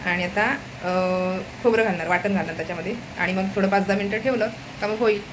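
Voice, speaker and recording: A young woman chats through a casual family vlog in her home kitchen, pointing things out to her viewers again and again. Her voice sits at an ordinary middle pitch. A steady background noise hangs under the home recording. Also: quick pace. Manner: chatty, keeps repeating "look" to viewers. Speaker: vlog host.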